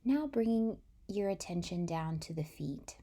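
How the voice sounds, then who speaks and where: In a guided body-scan meditation, a woman speaks at a very slow pace, gently and soothingly, leaving long pauses. Her voice is slightly low and mellow, going soft and breathy at phrase endings, and her delivery is expressive.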